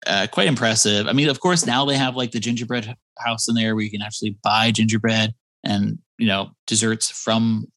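A man co-hosting a podcast who leads the rundown, recapping step by step in relaxed casual chat. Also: fairly low pitch, a little fast, few pauses, no echo. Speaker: podcast co-host leading the episode rundown.

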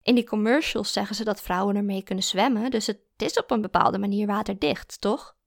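A woman's voice: mid-range voice, a little fast, creaky, no echo, clean studio sound. A woman voicing an awkward, insistent young boyfriend. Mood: reassuring. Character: young man, awkward boyfriend, barely holding his temper.

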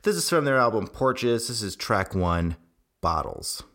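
A man with a low voice hosts a music radio show in a casual style. His delivery is hesitant and wandering, full of pauses. The sound has a cave-like echo around his voice. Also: very animated, fairly bright tone.

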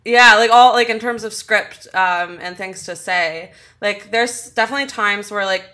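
A young woman talks as a podcast guest in a loose, casual way, packing her sentences with "like" and "um". She laughs often, and her voice is bright and forward. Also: mid-range voice, moderate pace. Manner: giggly, filler-heavy. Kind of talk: casual interview chat.

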